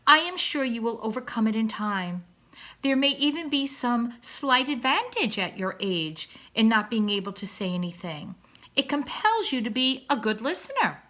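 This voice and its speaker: Reading a children's storybook aloud, a woman voices a wordy father swan, kindly and encouraging, who speaks in a formal, emphatic, oratorical style. She pitches her voice fairly high, above her own, with a sharp tone, very animated delivery and normal speed. The mood is earnest and lecturing.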